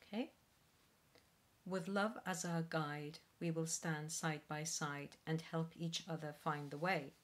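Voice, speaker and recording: Middle-aged woman, singing teacher, lowish voice, careful and slow over a webcam. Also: steady tone. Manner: slow careful enunciation with spoken explanations. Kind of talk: pronunciation lesson read from sheets. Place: small room at home, indoors.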